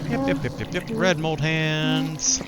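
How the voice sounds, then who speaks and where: A man's voice: a little high, expressive, unhurried, heavy background noise. A man doing casual video game commentary, talking to himself in repeated short phrases and reading game text aloud.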